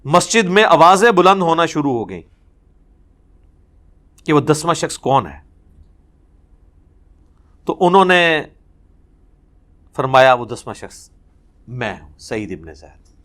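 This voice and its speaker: A man giving a religious lecture, telling narrations in an animated way and acting out the quoted speech. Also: a little high, pauses often. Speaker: religious scholar.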